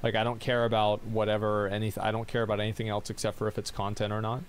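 A tired man in his thirties is streaming, reading out viewer questions and answering them fast in a lowish, rambling monotone. His replies are full of fillers and restarts, and a little hiss or hum sits under the audio.

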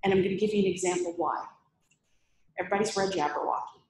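Talking fast in a mid-range voice, a woman presents to a meetup crowd and fields questions, keeping it lively, chatty and self-deprecatingly humorous. The recording has an echoey room sound.

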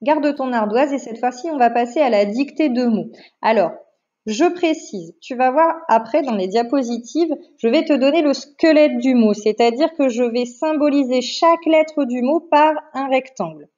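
A woman teaching a class online, explaining things patiently and dictating words and syllables slowly with clear articulation. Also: high-pitched, darkish tone. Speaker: primary school teacher. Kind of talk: online lesson narration. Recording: dull lo-fi sound.

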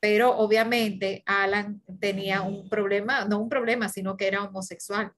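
A woman joins a film forum discussion. She speaks in a relaxed, conversational way at a middle pitch and asks the group questions as she goes. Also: moderate pace.

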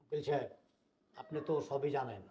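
A man's voice: fairly high pitch, fast, a bit bright, a little hiss or hum, natural voice. An actor playing a domineering older father-in-law who scolds and gives orders. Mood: complaining. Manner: scolding, bossy. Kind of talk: Bangla drama acting.

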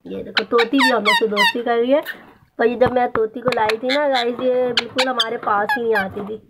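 A woman's voice: a little high, big pitch swings, a little fast. A woman in a casual pet vlog, coaxing her parrots in a sing-song voice while talking to viewers. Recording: dull lo-fi sound with loud background noise.

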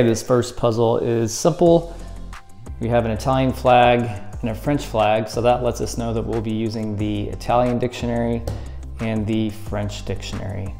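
An escape room tutorial host, a man in his thirties, walks through a friendly how-to step by step as he handles props. His medium-pitched voice is a little mellow, and he sits at an indoor table backed by a plaster wall.

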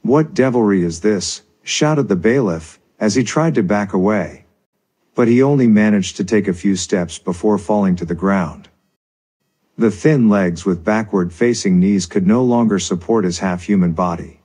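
A male narrator reads a folk tale in a measured, steady delivery. His voice sits low and has a husky grain. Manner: measured storytelling. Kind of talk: scripted narration.

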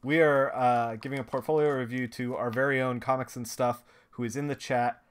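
A man's voice: medium pitch, fairly even intonation, a little fast, clear, resonant tone. A man hosting a live stream, chatting casually in a rambling way with many restarts and filler words. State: watery eyes, sniffly. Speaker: streamer and comic colorist host.

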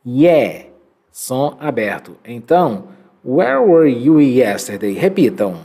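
A man teaching English to Portuguese speakers in a recorded lesson, slowly modeling phrases for students to repeat. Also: medium pitch, very animated, mellow, husky. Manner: slow, drawn-out modeling of English phrases for repetition.

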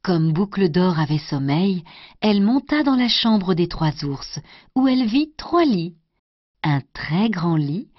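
A woman storyteller doing an expressive scripted storybook narration. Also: on the low side, no echo. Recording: dry, dull lo-fi recording.

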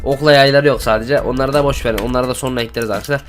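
A man hosting Minecraft gameplay commentary, excitable and constantly addressing his viewers. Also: mid-range voice, very fast, faint music behind. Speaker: gaming channel host.

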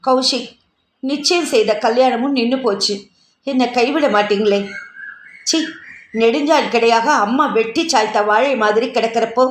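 A woman's voice: on the high side, normal speed, a little hiss or hum, lightly acted. A woman voicing a frightened young woman who pleads and sobs, read in a roomy space. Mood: tearful. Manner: pleading, sobbing.

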